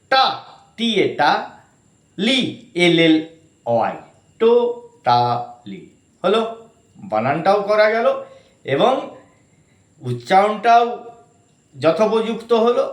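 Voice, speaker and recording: A man's voice: sits high, reverberant. A man teaching an English grammar lesson, breaking words into syllables and spelling them out letter by letter. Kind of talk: explanatory lesson.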